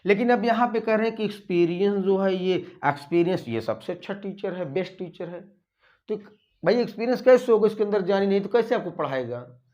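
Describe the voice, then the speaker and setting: In a lo-fi recording, a man with a high, expressive, darkish voice teaches an exam-prep grammar lesson. He explains slowly, asks the class questions, repeats his points, and dictates English words, spelling them letter by letter.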